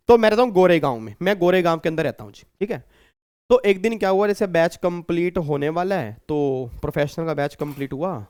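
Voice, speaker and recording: A man's voice: fairly high pitch, darkish tone, smooth, no echo, clean studio sound. A male teacher giving a recorded exam-prep lecture, chatty and repetitive, often checking in with his students. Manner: chatty, repeats himself, keeps checking with students.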